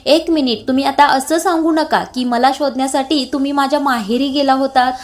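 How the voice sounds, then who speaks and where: A woman voicing a defiant, sharp-tongued young wife who talks back, in a retold serial scene. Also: high-pitched, fairly even intonation, fairly quick, natural voice. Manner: retorting.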